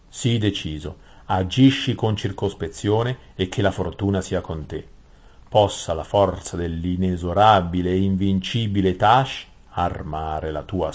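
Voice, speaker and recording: A man reading an audiobook voices a cold, calculating old king who speaks slowly and gravely. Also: sits low, darkish tone.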